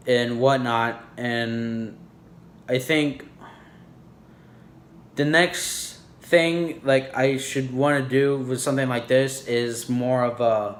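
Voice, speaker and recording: A man's voice: mid-range voice, reverberant. A man vlogging in a casual, rambling monologue, full of "you know" and "like".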